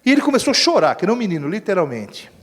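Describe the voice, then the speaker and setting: A man with a Brazilian accent preaching a sermon as pastor, telling a story in an animated way and acting out what people said. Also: high-pitched, racing. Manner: animated storytelling preacher, acts out quoted speech. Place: church hall. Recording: echoey church hall with long reverb.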